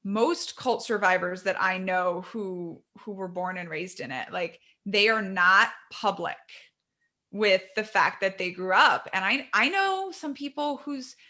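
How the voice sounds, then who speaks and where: A woman in her thirties speaks candidly in an interview, her voice bright and forceful. She tells her story quickly and with animation, often restarting her sentences. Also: medium pitch. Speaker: guest author. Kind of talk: conversational interview.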